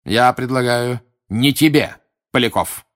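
A man's voice: on the low side, expressive, moderate pace, fairly bright tone. A man voicing a stern, cold headmaster of a wizard school in a storybook reading, curt and barking. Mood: commanding.

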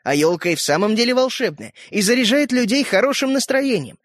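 A man voicing a tiny, boastful and sly living toy boy in a storybook, cheeky and excitable. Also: very high voice, brisk, no room sound, clean studio sound, pitched above the performer's own voice. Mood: cheerful.

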